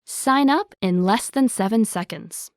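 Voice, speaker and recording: A woman's voice: fairly high pitch, expressive, measured pace, no echo, clean studio sound. A woman reading a scripted promotional ad in an upbeat, salesy way. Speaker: ad announcer.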